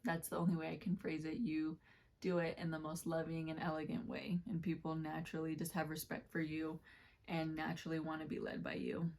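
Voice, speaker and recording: A woman's voice: deep voice, completely flat delivery, fairly quick, vocal fry. A woman with a slightly scratchy voice giving a casual tarot reading, rambling and correcting herself as she goes. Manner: rambling, warm-hearted, many fillers and self-corrections. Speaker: tarot reader.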